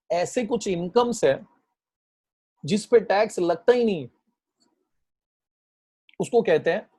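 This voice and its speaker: A man with an Indian accent giving a commerce lecture to students, patiently repeating key terms slowly. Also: fairly high pitch, husky. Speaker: commerce tutor. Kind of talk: classroom lecture mixing Hindi and English.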